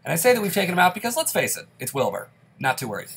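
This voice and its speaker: A man's voice: a little high, wildly swooping pitch, very fast, a bit bright, a little hiss or hum. A congested man hosting a gaming channel, chatting through each move in his let's play commentary.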